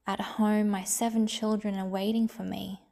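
A woman voicing a small mother mouse in a storybook, pleading slowly. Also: mid-range voice, level tone, creaky. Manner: pleading, slow and soft-spoken.

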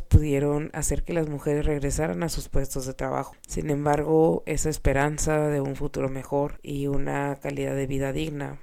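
A woman hosts a podcast solo, her voice nasal and stuffed up from being sick. The tone is mellow and gravelly at the edges. She speaks earnestly, mixing prepared lines with informal asides. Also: sits low. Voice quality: nasal, congested. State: sick with a cold. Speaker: podcast host, clinical psychologist. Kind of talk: semi-scripted podcast monologue.

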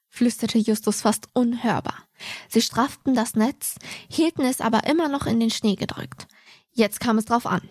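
A woman co-hosting a podcast, reading a book passage aloud in a steady, expressive way. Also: on the high side, slightly rough, dry recording. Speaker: podcast co-host.

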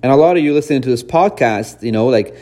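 A man from Afghanistan hosting a podcast, speaking to his listeners in a mellow, warm voice. He talks earnestly and repeats his points. His delivery is reflective and direct, like a self-help monologue. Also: medium pitch, lively intonation, fast. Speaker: podcast host.

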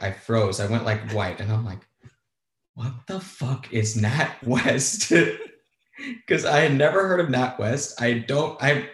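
A man's voice: mid-range voice, reverberant. A man, a guest on a talk show, telling a story casually, candid and self-deprecating, with some swearing. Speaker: guest, former bond trader.

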